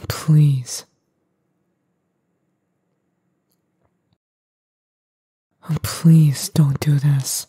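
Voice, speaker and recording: Woman as husky, low, soft-spoken boyfriend in ASMR role-play. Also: no room sound, studio quality, heavily acted. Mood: worried, pleading. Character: edgy young boyfriend, gruff but tender and worried.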